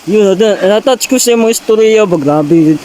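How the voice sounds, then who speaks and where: A man's voice: sits high, animated, normal speed, a loud crowd, rough recording. A man performing a comedy skit, teasing his partner and repeating his words for laughs.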